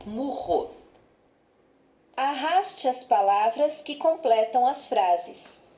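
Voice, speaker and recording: A woman reading exercise prompts aloud in a measured way. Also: on the high side, lively intonation, a little mellow, reverberant, low-quality recording. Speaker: lesson narrator.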